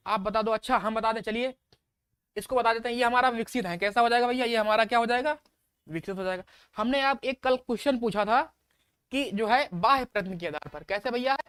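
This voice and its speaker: A woman teaching a grammar lesson to a live online class. She repeats each key term and quizzes her viewers as she goes. Her voice is smooth and clear, recorded dry and close. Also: on the high side, no echo. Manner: reads out and answers viewer questions.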